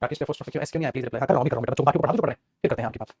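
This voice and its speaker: Brief: middle-aged male tutor, husky, rapid-fire, repetitive, lecturing a live class. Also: mid-range voice, a little mellow. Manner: rapid, repetitive, calls students beta, asks and answers his own questions. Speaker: English grammar teacher.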